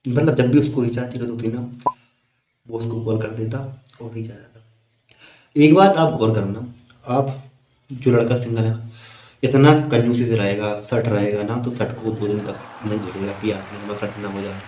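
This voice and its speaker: A man's voice: on the low side, fairly even intonation, moderate pace, dark tone, reverberant, slight background noise. A man doing stand-up, telling a long comic story in a chatty, amused way. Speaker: stand-up comedian.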